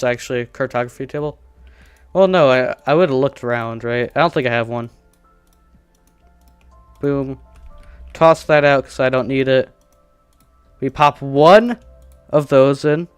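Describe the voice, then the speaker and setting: A man's voice: a little high, clean tone, dry recording. Rambling young streamer man, dry close sound. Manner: rambling, self-deprecating, thinking aloud. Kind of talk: casual game commentary.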